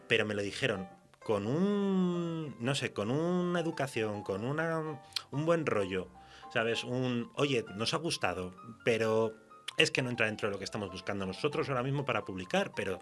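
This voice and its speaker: Laughing as he goes, a man with a Spanish accent shares anecdotes in a relaxed literary interview, speaking colloquially and swearing a little. He's the writer being interviewed, and his voice is mid-range with a fairly bright tone.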